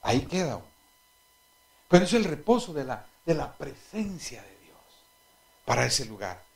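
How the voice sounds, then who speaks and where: His voice is mid-range and creaky, and he speaks at a normal speed. In his sermon the pastor tells stories with animation, chuckles at his own anecdotes, and questions the congregation directly.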